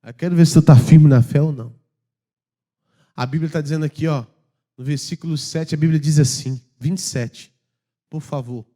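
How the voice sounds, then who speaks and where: High-voiced impassioned Brazilian pastor. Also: male voice, moderate pace, pauses often. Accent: Brazilian Portuguese. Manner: impassioned preaching, swinging from loud urging to hushed asides. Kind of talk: sermon. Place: church.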